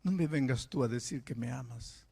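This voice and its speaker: A man's voice: medium pitch, normal speed, gravelly, dark tone, husky, voice pushed down. Sermon anecdote: a pastor playing a hurt, defiant teenage boy, bitter and challenging.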